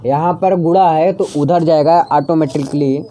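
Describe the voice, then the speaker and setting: A man's voice: on the high side, unhurried, warm tone. A man teaching a maths lesson as a tutorial, coaxing students along, repeating each step and asking rhetorical questions that he answers himself. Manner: coaxing, repeats steps to drive them home. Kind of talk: chalk-and-talk tutorial explanation.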